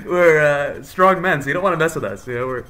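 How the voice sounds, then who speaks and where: A man's voice: fairly high pitch, fairly quick, bright, forceful tone. A man hosting a podcast in a casual, jokey, hyped-up chatting style. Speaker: podcast host. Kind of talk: casual chat.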